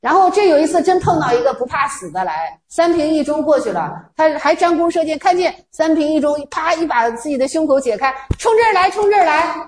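High-voiced woman Buddhist teacher. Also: lively intonation, brisk, few pauses, a little mellow, a little hiss or hum. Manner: storytelling, acting out quoted lines. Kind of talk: dharma talk with stories. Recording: roomy echo.

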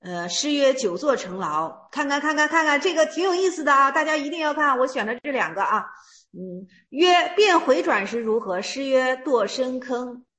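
A woman teaching a class on Chan Buddhist texts. She reads each passage slowly, then retells it in plain speech, repeating herself and using fillers. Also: sits high, animated, a bit bright. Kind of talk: reading and explaining old texts in a class.

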